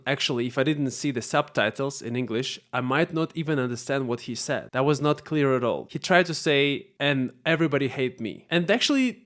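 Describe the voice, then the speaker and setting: A man from Russia with a Russian accent, casually reacting to a clip and demonstrating pronunciation by slowly repeating words. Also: on the high side. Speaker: host reviewing an actor's accent.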